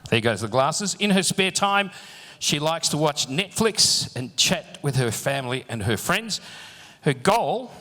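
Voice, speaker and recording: Male MC, bright-ish voice, cracks jokes with the crowd, live hall echo. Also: a little high, big pitch swings, measured pace. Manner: jokey asides to the audience. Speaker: event MC. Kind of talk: live stage introductions. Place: live event venue. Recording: echoey hall sound.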